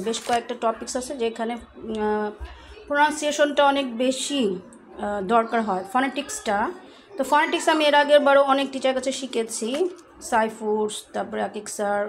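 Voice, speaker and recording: An adult woman from Bangladesh, a physician and lecturer, casually explaining pronunciation rules and reading English word lists aloud in a mix of Bengali and English. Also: a little high. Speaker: physician and lecturer sharing homework. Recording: faint background noise.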